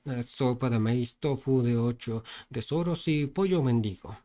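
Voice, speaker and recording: A man's voice: medium pitch, measured pace, mellow, natural voice. A man voicing a nervous, eager-to-please inn waiter who speaks politely and hesitantly.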